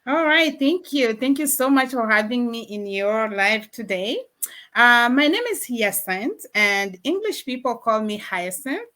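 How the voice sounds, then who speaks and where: A woman's voice: a little high, expressive, unhurried, bright, forceful tone. A woman from Canada, a guest in an online interview over a video call, speaking earnestly and repeating her words.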